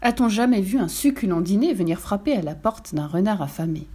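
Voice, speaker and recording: A woman reading a children's storybook aloud, gentle and expressive. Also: mid-range voice, fairly quick, slightly rough.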